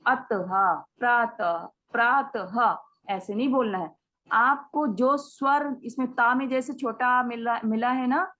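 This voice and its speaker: A woman teacher with a slightly high voice takes her class through a grammar lesson one step at a time. She sounds out each example word slowly, drops English words into her Hindi and checks in with the students every few sentences. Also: fairly bright tone, low-quality recording. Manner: explains step by step, checks in with "है ना" and "ठीक है". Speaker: Sanskrit teacher.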